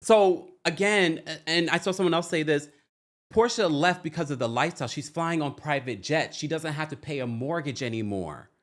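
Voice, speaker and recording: Hosting a gossipy reality TV recap livestream, this man talks casually at normal speed in a fairly high, fairly bright voice. He teases playfully, exclaims often and repeats phrases to stress them.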